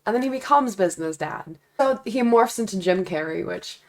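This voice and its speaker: A woman with a hoarse voice from being sick, rambling sarcastically through improvised movie commentary. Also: mid-range voice, animated, normal speed.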